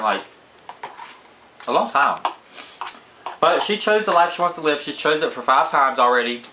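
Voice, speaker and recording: A young man telling a casual story to camera, voice jumping up high when he quotes himself. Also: pushed and bright, a little hiss or hum, poor audio. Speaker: vlogger. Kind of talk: casual story time while eating.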